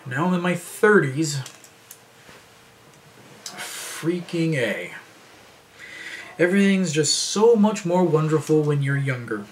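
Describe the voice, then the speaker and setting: A man in his thirties rambling casually to camera in a vlog, with lots of fillers and restarts. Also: on the high side. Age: 30s. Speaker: vlogger.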